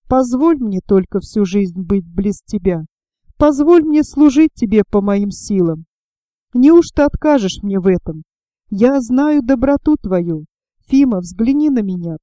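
Woman reading a gentle devoted young man in a storybook, soft and imploring, lowered voice, mellow warm tone. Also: no room sound.

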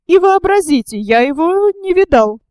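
Vain elderly male writer in a storybook reading, self-important, with a mellow high sugary squeak, voiced by a woman. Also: sing-song, normal speed, no echo, clean studio sound. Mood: smug gossip. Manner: affected, sugary squeak when fawning.

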